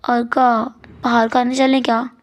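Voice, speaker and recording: A woman voicing a timid, delicate young man who speaks softly and meekly. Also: a little high, level tone, a little slow, natural voice.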